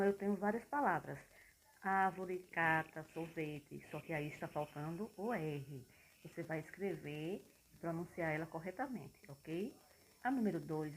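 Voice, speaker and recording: A woman's voice: on the low side, low-quality recording. A woman, a schoolteacher explaining a worksheet casually and talking straight to her pupils. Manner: chatty, talks straight to pupils.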